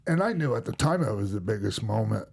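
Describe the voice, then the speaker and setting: A middle-aged former wrestler with a Minnesota accent rambles through stories on his podcast, full of fillers and restarts. His lowish voice swings widely and comes fast, with vocal fry, a slightly mellow quality and a breathy edge.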